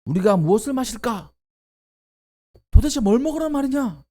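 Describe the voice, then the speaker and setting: A man's voice: extremely high pitch, sing-song, moderate pace, a little mellow, pitched above the performer's own voice. A man voicing a grumbling crowd of thirsty desert wanderers, complaining and accusing in a raised, strained voice.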